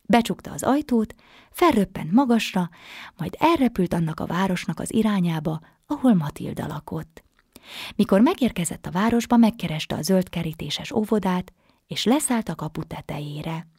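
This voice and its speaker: A woman with a low, husky-breathy voice reads a children's bedtime story, gentle and hushed, often slipping into a near-whisper. The recording is close and completely dry. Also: expressive, dry recording.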